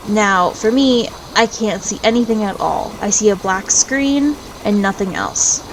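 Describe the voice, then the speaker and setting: A woman's voice: mid-range voice, low-quality recording. A woman streaming a video game, chatting casually and rambling from one topic to the next as she plays. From United States. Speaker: VTuber gaming streamer. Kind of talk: casual chat over gameplay. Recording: game music clearly underneath. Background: video game music.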